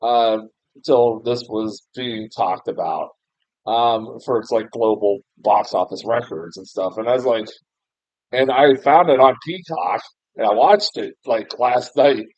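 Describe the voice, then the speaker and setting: This young man from the United States, whose first language is English, talks through a film review at an unhurried pace, his medium-pitched voice a little mellow. The review wanders, with plenty of fillers, restarts, self-mocking laughter and mild cursing. Audio is dry, muffled and lo-fi.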